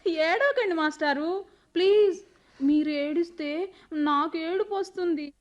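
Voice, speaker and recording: Radio play: young woman as a bold, mischievous village girl, very high voice. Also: measured pace. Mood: scheming. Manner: lively, teasing, mischievous.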